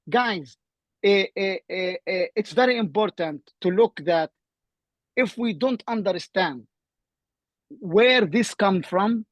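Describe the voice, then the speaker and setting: Impassioned Palestinian-accented man, high voice. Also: no room sound. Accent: Palestinian Arabic. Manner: urgent, insistent, repeats phrases. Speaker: seminar participant. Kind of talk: impassioned argument in online seminar. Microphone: video call.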